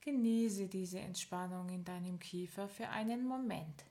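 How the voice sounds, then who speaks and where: At medium pitch, a woman guides a progressive muscle relaxation, calmly giving step-by-step instructions and counting down slowly with long pauses.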